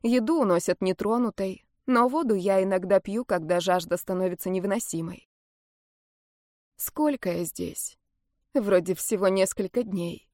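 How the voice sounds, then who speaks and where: A woman's voice: medium pitch, normal speed, a little mellow, dry recording, studio quality. A woman narrating a first-person fantasy audiobook in an intimate, emotional manner.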